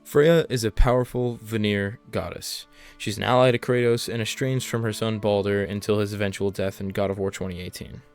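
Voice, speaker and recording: A man's voice: on the low side, fairly even intonation, fairly quick, few pauses, clean tone, soft background music. A man delivering scripted explainer narration as the narrator of a video essay.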